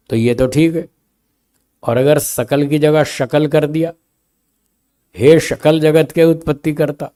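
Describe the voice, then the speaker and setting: A man teaching a philosophy class, explaining meaning through slow spoken examples and often checking that his listeners follow. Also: a little high, warm tone. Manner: stresses single words to show meaning.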